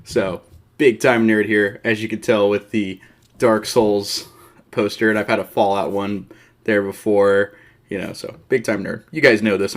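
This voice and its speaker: A man hosting his own MMA show, talking off the cuff in a rambling, self-deprecating way with joking asides. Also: lowish voice. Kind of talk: unscripted casual commentary.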